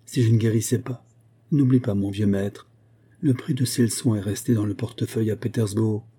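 A frail, sorrowful young singer, quietly resigned, as a male audiobook reader puts her on. The voice is low, dark and husky, and it speaks softly and wearily. It is a storybook character reading. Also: fairly even intonation, brisk. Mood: weary.

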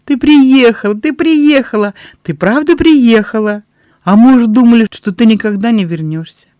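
A man reading aloud, voicing an excitable mother of young children who exclaims loudly and gushes. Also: lowish voice, normal speed, no echo, clean studio sound, natural voice. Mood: ecstatic. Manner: loud, exclamatory and gushing.

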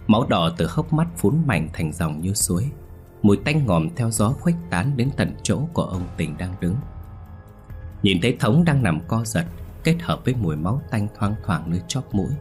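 Deep-voiced male horror story narrator. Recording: soft music bed.

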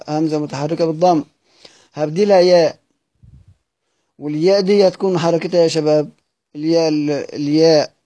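A man's voice: a little high, mellow, dry recording. A man with an Egyptian Arabic accent, teaching a classroom lesson on recitation; he repeats his questions to the students and draws out words as he recites. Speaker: teacher of Quranic readings.

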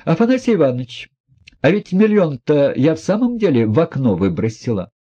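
A man's voice: fairly high pitch, big pitch swings, a little fast, dark tone, breathy edge, highs cut off, pitched above the performer's own voice. A man reading an audiobook, voicing a proud, reckless young woman who talks in a mocking, defiant way. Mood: defiant scornful.

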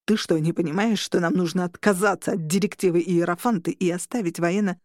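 A man's voice: high voice, fairly even intonation, a little fast, no echo, studio quality, lightly acted. Woman doing an insistent scheming vampire lord. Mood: pleading. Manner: insistent, pleading.

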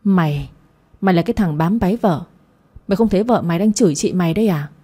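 A woman's voice: on the low side, fast, dark tone, husky. A woman doing a bitter, desperate eldest sister. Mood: angry. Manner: wailing, hurt outbursts.

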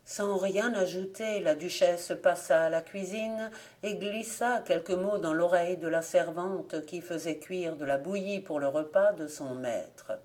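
Woman reading folk tales, lowish voice. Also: measured pace, a little mellow. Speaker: volunteer audiobook reader.

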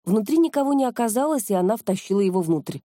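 In this scripted narration, a woman narrates an audiobook with calm, even pacing. The sound is crisp studio quality without any echo, and her pitch sits in the middle range.

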